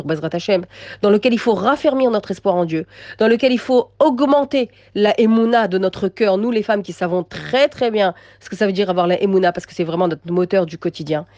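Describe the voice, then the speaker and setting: A woman giving an inspirational religious talk to women, emphatic and repetitive, moving between soft passages and raised ones. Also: medium pitch, no room sound, muffled recording. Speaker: religious teacher addressing women.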